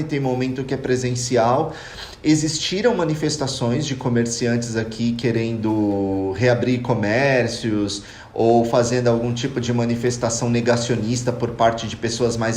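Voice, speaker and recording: A young Brazilian man living abroad talks earnestly and reflectively in a casual podcast chat, addressing listeners as "cara." His voice is mid-range with a darkish tone, recorded in an echoey room with faint noise.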